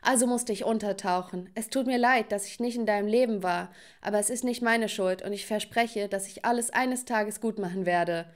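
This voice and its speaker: A woman's voice: medium pitch, moderate pace, few pauses, natural voice. Woman reading a desperate father. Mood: urgent. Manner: urgent, pleading. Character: desperate hiding father on phone.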